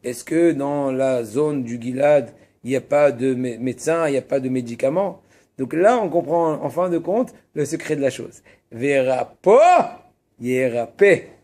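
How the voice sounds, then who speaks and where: A man's voice: medium pitch, moderate pace, warm tone. A man rabbi teaching a religious text, asking and answering his own questions and stressing Hebrew terms. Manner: casual asides to students.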